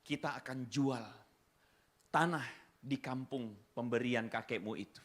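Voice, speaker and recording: Resolute middle-aged parents, as a male preacher puts them on, speaking low, slow and solemn. The voice drops well below his usual bright sermon tone. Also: lightly acted.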